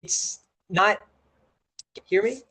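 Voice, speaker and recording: A man speaking as a webinar panelist over a video call, his audio choppy and cutting in and out, explaining with pauses between phrases. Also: sits high, pushed and bright, husky. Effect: choppy connection cutting in and out. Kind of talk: online webinar talk.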